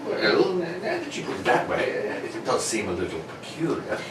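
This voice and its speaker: A loyal but easily flustered gentleman doctor, voiced by an actor, blustering and puzzled. The pitch leaps around wildly as the words stumble out in radio-mystery fashion. The recording is roomy and noisy. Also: wildly swooping pitch, moderate pace, far from the mic. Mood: mildly puzzled. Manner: blustering, hesitant, exclamatory. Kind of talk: old-time radio mystery acting.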